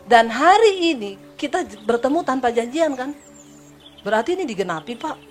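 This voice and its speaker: A woman's voice: high voice, big pitch swings, normal speed, soft background music. A woman preacher telling a personal testimony to her congregation, acting out the dialogue and calling the listeners "saudara". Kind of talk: sermon testimony.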